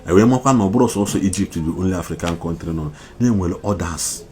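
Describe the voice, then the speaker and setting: Deep guy doing an impassioned rant, flips between n english, repeats himself for emphasis, bit of background noise. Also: fast, a little mellow. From Nigeria. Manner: mixes Igbo and English, repetitive, emphatic. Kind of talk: impassioned social media commentary.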